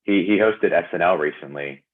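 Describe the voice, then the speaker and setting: A man's voice: low voice, normal speed. A man who works as an actor, chatting as an interview guest in an upbeat way, filling his speech with "like", heard over a remote call. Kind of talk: casual interview chat. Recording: tinny phone-like call audio.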